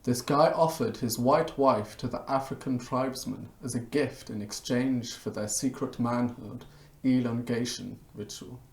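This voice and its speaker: A man giving a hammy, theatrical dramatic reading like a stage actor, with dramatic pauses and swells. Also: mid-range voice, vocal fry. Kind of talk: dramatic reading of a spam e-mail. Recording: echoey, roomy sound.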